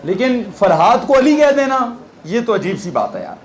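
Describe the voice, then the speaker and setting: A man's voice: very high-pitched, very animated, normal speed. A man with a Pakistani Urdu accent teaching physics in a classroom, conversational, quizzing his students with playful asides. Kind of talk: classroom lecture.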